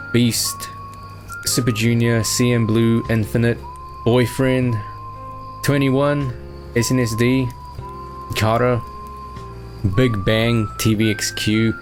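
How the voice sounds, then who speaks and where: A young man chatting casually as he answers fan questions, easygoing and rambling with plenty of fillers. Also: medium pitch. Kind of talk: casual chat. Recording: music playing behind.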